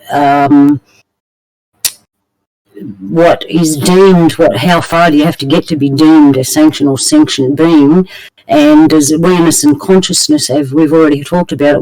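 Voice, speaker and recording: A man with a slightly higher voice talks through big questions in a casual round-table chat. He thinks aloud, circling back on his words. The sound is dry and close. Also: a little mellow, dry recording, poor audio. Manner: poses searching philosophical questions, thinking aloud.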